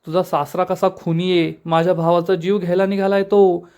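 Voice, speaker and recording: A man's voice: flat delivery, moderate pace, a little mellow, clean tone. A man voicing a scheming middle-aged aunt who stirs up trouble with accusations. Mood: accusing. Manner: shrill accusing, stirring trouble.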